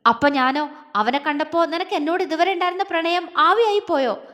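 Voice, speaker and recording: An emotional young man, pleading and close to tears, his voice cracking on every line, as a woman storyteller reads him. A long hall reverb hangs behind the high voice. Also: moderate pace, lightly acted. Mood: hurt.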